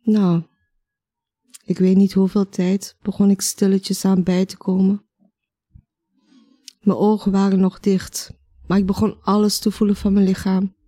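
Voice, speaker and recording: A woman's voice: mid-range voice, monotone, unhurried, long pauses, mellow, no echo, clean studio sound. A woman from Belgium telling a personal story in a reflective way, acting out her own words and the words of others.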